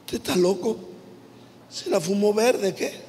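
A man voicing Ruth, a frantic young bride who shrieks, sobs and complains rapidly. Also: high voice, darkish tone, long reverb tail, slight background noise, voice pushed up. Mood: indignant.

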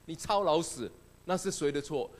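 A man's voice: on the high side, normal speed, darkish tone, voice pushed down, natural voice. A man voicing God as a reasoning, reproachful figure in a sermon. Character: God, patiently scolding people.

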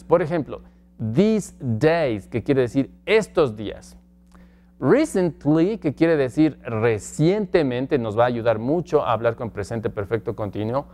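A man teaching English grammar from slides, slowly stretching out example phrases and asking the class questions. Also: on the high side, darkish tone. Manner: slow, drawn-out model phrases in English. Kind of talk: slide-based grammar lesson.

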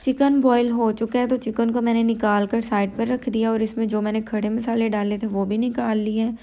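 Female vlogger from Pakistan, Pakistani Urdu accent, tired and soft-spoken, flat dark voice for a cooking voice-over. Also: fairly high pitch. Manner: slow, quiet, unhurried talk, full of "you know" fillers. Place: home at night, voice-over.

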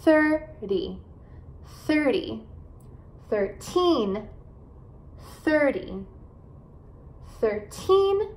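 An American woman whose first language is English, teaching an online pronunciation lesson. She draws out each model word and keeps checking in with "ok?" and "né?". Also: high-pitched. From United States. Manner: slow, drawn-out model pronunciations with frequent "né?" and "ok?" checks.

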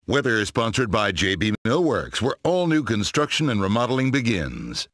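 A man's voice: on the low side, very animated, normal speed, fairly bright tone. An American man announcing scripted television station promos. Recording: music bed behind voice.

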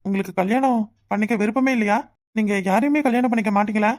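A woman's voice: on the high side, fast, a little mellow, lightly acted. Woman voicing a cheeky balding suitor. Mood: wooing. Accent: southern Tamil. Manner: teasing, playful, persistent. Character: cheeky balding village bachelor, teasing suitor. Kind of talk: cartoon voice acting.

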